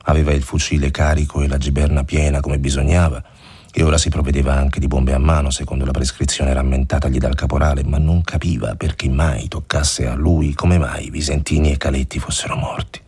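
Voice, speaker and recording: A man reading a literary story aloud in a measured, deliberate narration. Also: very deep voice, level tone, darkish tone, breathy edge.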